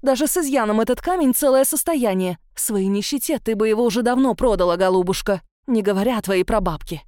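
A woman's voice: fast, warm tone, dry recording, clean studio sound, lightly acted. A woman doing a spiteful old countess. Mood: scolding. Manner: hissing, scornful, shrill scolding. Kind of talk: audiobook character voice.

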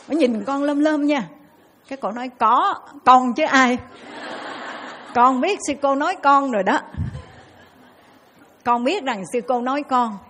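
A woman's voice: high voice, slight background noise. A woman with a Southern Vietnamese accent, a Buddhist nun giving a dharma talk and acting out the people in her stories. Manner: lively storyteller who acts out the people in her stories.

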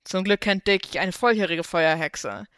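Brief: sly teasing teenage boy, voiced by a woman, a little louder, smooth dry sound. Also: on the low side, measured pace, no room sound. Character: mischievous teenage brother, sly grin.

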